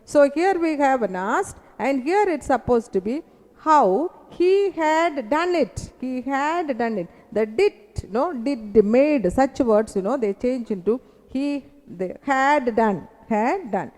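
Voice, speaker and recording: A woman with an Indian English accent teaching an English grammar lesson, explaining slowly and often checking that her students follow. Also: high voice, expressive, a little mellow, long reverb tail. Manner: explains slowly, asks "is that clear?".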